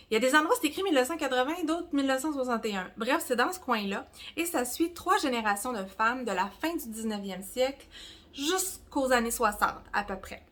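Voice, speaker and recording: A Québécois woman in her forties chats through her reading month in a casual, rambling way. Her voice sits a little high. She pokes fun at herself and sometimes drops into soft whispered asides. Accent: Québécois French. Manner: chatty and rambling, with self-mocking asides. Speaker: book vlogger.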